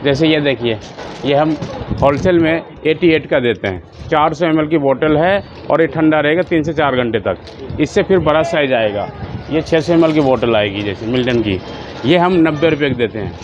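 A man in his thirties giving a steady salesman's patter in a small crowded shop, running through brands and prices. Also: a little high, moderate pace. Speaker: wholesale shopkeeper. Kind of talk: sales pitch for a shop tour. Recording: slightly dull, faint background hum.

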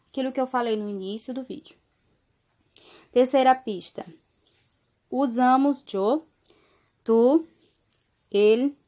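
A Brazilian woman teaching a recorded school lesson, her voice sitting a touch high. She talks slowly and repeats words as she explains. She reads example sentences aloud between her explanations. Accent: Brazilian Portuguese. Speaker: Spanish teacher.

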